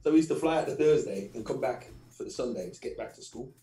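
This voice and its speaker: A man's voice: medium pitch, fast talker. Man, middle-aged, from England, radio guest, chatty anecdotes, echoey studio. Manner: lively anecdotes with frequent laughs and repeated phrases. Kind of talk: casual interview storytelling.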